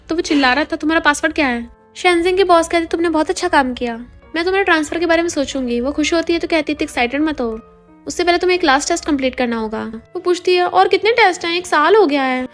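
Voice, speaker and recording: Brisk high-voiced woman recapping a drama. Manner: quotes every character in her own voice with light shifts. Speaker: narrator recapping a drama series. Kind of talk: fast casual storytelling recap.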